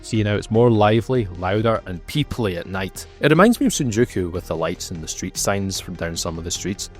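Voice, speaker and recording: A man's voice: on the low side, animated, brisk, soft background music. A man in his thirties narrating a travel vlog, with wry, sarcastic asides and playful emphasis. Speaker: travel vlogger.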